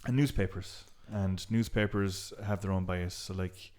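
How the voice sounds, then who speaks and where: A man from south Galway, a historian who is a guest on a podcast, explains his work in a relaxed way and chuckles often. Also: low-pitched, unhurried. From Ireland, south Galway. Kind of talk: casual podcast interview.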